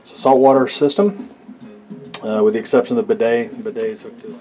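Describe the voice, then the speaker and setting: A man giving a casual walkthrough of his sailboat from behind the camera, relaxed and halting with lots of fillers. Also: medium pitch, soft background music. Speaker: boat owner giving a tour. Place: inside a sailboat cabin. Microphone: handheld camera mic, speaker off camera.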